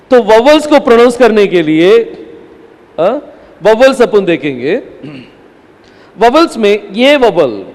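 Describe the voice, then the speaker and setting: High-voiced man teaching a lesson. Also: a little mellow. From India. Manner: asks the class questions and answers them himself, mixing in English words. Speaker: Bible language teacher. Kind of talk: classroom lesson with a chart. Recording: hall with long reverb.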